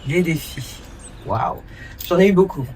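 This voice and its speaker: A woman's voice: on the low side, animated, a little slow, darkish tone, slight background noise. Hesitant woman interviewee, distant mic. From France. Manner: thoughtful, many hesitations, mixes in English words. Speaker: cultural entrepreneur and film producer. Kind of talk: interview answers.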